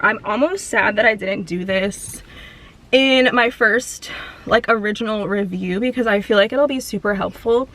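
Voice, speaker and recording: A woman's voice: mid-range voice, a bit bright. Chatty young woman fitness vlogger. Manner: chatty, upbeat, addresses viewers as girl. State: out of breath after workout. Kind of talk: casual gym vlog chat. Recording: faint music behind.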